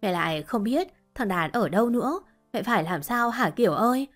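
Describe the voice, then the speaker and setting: A woman's voice: fairly high pitch, lively intonation, a little fast, faint music behind. A woman voicing a desperate, grieving older mother who pleads through sobs. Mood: wailing. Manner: sobbing, pleading.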